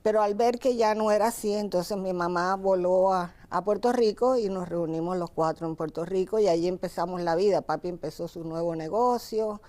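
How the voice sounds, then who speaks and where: A woman's voice: lowish voice, warm tone. Older Cuban woman recounting her childhood. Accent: Cuban Spanish. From Cuba. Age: 70s. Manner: unhurried, many fillers and restarts. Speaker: author and guest. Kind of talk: interview storytelling.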